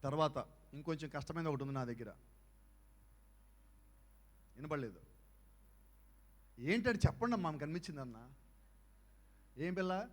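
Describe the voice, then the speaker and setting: A man preaching a youth sermon, firing rhetorical questions at the crowd and swinging between soft asides and loud exhortation. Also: on the high side, lively intonation, moderate pace, long pauses. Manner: fires rhetorical questions at the audience. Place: youth camp meeting hall. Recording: echoey hall with long reverb.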